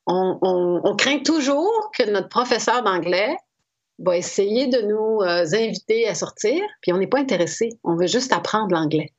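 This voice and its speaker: A woman's voice: mid-range voice, expressive, measured pace. A middle-aged woman with a Québécois French accent, explaining as an interview guest in a thoughtful, hesitant way with frequent fillers. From Quebec. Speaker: guest expert on Japan. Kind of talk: conversational explanation. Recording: slightly dull lo-fi audio.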